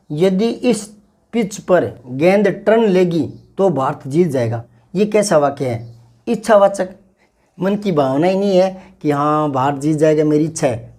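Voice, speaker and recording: A man's voice: high-pitched, darkish tone. A man teaching a grammar lesson for exam prep, explaining step by step and often checking that students follow. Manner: explanatory, repeats "ठीक है ना" to check understanding.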